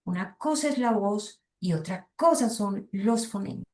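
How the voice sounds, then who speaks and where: A woman's voice: medium pitch, lively intonation, measured pace, a little mellow, echoey room. A middle-aged woman with a Colombian Spanish accent giving an academic lecture, reading passages aloud and thinking aloud with frequent hesitations and rhetorical asides to her listeners.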